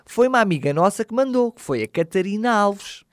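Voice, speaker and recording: A woman's voice: mid-range voice, lively intonation, brisk, no echo, clean studio sound. A woman with a European Portuguese accent co-hosting a children's radio show in a playful, chatty way.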